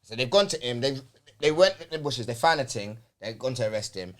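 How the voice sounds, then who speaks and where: A man's voice: medium pitch, animated, brisk, fairly bright tone. A man telling a story in casual, slangy chat. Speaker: podcast host.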